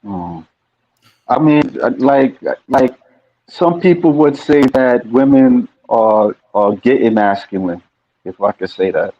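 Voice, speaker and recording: A man hosting an interview over a video call, asking questions in a halting, hesitant way. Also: mid-range voice, animated. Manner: halting, hesitant, many ums and restarts. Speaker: interview host. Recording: dull lo-fi audio.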